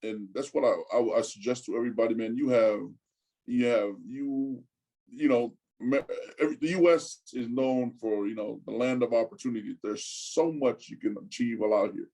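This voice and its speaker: A man's voice: mid-range voice, fairly even intonation, warm tone, poor audio. A man in his forties from Tonga, talking casually as an interview guest, often stopping to repeat words and tacking "man" onto his sentences. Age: 40s. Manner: halting, repeats words, says "man" a lot.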